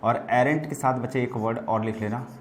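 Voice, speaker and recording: Explaining English words in Hindi, a man with a medium pitch gives a vocabulary lesson at a brisk pace with fairly even intonation, over a slight hiss or hum. He's chatty and repetitive, keeps turning to his students with affectionate asides, calling them "beta" and "bachche," and sounds like a teacher at a board.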